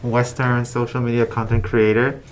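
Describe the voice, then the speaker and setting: A man's voice: medium pitch, level tone, normal speed, slight background noise. A man from China chatting on a podcast in a laid-back, jokey way. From Suzhou, China. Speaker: social media content creator. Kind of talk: casual podcast chat.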